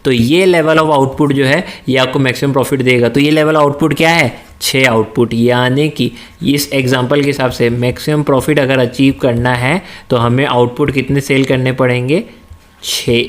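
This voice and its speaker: In this classroom lecture, a male teacher speaks at normal speed in a mid-range voice with fairly even intonation. He poses questions to the students, supplies the answers himself, and drifts into Hindi-English, dropping in English terms.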